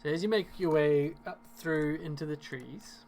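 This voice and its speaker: A man's voice: fairly high pitch, normal speed, darkish tone. A man narrating a tabletop game as game master, casual and hesitant, with many fillers.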